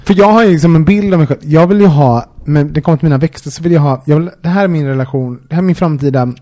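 A young man on a casual chat podcast who tells animated, self-mocking stories, often restarting his sentences. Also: on the high side.

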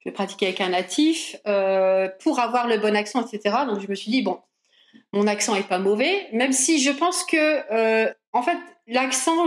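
A woman's voice: mid-range voice, reverberant. A French woman guest in a casual interview, talking with many hesitations and restarts. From France.

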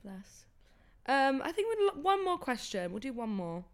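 A young woman hosting a casual podcast chat, expressive, giggly and over the top. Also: sits high, a little slow. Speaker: podcast host.

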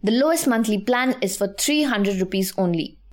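A woman with an Indian English accent presenting scripted news in a measured, formal and articulate manner. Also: mid-range voice, animated.

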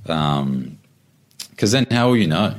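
Very deep-voiced man. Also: very animated, slow. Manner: joking, laughs easily. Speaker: podcast guest. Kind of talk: casual podcast chat.

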